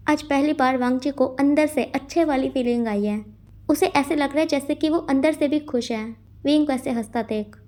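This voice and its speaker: A woman narrating a storybook in a conversational, animated retelling. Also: high-pitched, moderate pace. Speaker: fanfiction storyteller.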